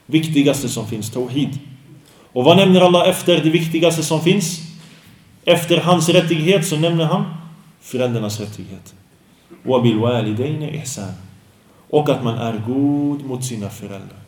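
A man giving an earnest, emphatic sermon and reciting scripture in Arabic between his points. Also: on the high side. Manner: mixes Quranic Arabic recitation into his talk. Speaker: Islamic preacher. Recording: roomy echo, voice from a distance.

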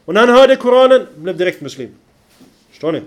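High-voiced man preaching to listeners. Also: big pitch swings. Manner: keeps checking the listeners follow, with rhetorical questions; recites Arabic verses with a chanting lilt. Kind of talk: religious lecture.

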